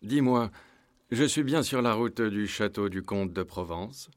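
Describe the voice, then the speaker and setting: A man's voice: on the low side, unhurried, no echo, studio quality, natural voice. A man playing a brave troubadour knight. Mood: earnest.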